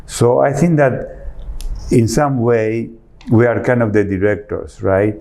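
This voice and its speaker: A man's voice: mid-range voice, steady tone, slow pace, gravelly, mellow. A man from Argentina with an Argentine accent, an architect answering interview questions earnestly, often rephrasing as he searches for words. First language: Spanish. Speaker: architect guest.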